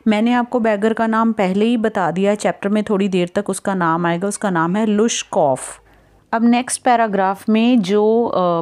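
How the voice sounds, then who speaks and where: A woman's voice: mid-range voice, a little mellow. Woman teacher explaining a story in Hindi-English. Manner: reads English lines slowly, then explains in Hindi with English words mixed in; checks in with listeners often ("theek hai"). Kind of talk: exam-prep lesson explaining a story line by line.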